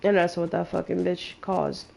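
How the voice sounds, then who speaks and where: Young woman, streamer, gravelly low voice, blunt and cursing, emotional venting. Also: fairly even intonation, normal speed, a little mellow, a little hiss or hum. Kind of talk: casual venting to viewers.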